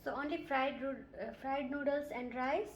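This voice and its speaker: A woman's voice: high voice, fairly even intonation, moderate pace. A woman from Nepal, playing a nurse and asking polite, methodical questions in a scripted health assessment role-play. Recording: roomy echo.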